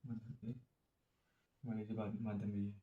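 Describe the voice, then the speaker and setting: Male teacher, monotone delivery, slow and repetitive, headache-weary exam lesson. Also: lowish voice, husky, phone-quality sound. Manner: slow, repetitive explaining with many filler checks. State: has a headache. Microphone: no proper voice recorder.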